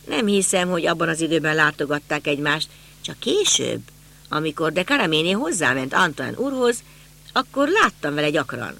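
A man's voice: a little high, big pitch swings, creaky, pushed and bright, exaggerated voice. A man voicing a talkative elderly male neighbor who rambles through old memories. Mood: reminiscing. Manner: rambling, reminiscing.

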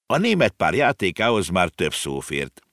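Deep, expressive male narrator for a storybook, dry close sound. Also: no room sound. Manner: expressive, animated. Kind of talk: storybook reading.

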